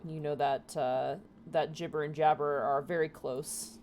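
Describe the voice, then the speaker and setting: A woman with a deep voice narrates a fantasy tabletop session as game master. She improvises her descriptions over an online call. There is faint noise behind her. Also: steady tone, measured pace, darkish tone. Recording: faint noise on home microphone.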